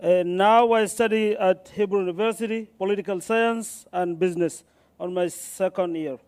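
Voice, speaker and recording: A young man speaking in a notably high, mellow voice with a Sudanese accent. His tone is very clean and smooth as he introduces himself at a conference. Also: steady tone, normal speed. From Darfur, Sudan. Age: young adult. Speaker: student panelist. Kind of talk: self-introduction to an audience at a conference.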